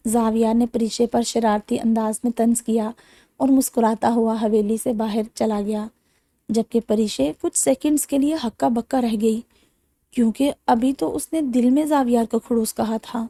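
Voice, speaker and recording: A woman's voice: a little high, fairly even intonation, dark tone, dry recording, studio quality. A woman narrating a romance novel, reading steadily and voicing every character herself. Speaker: audiobook narrator.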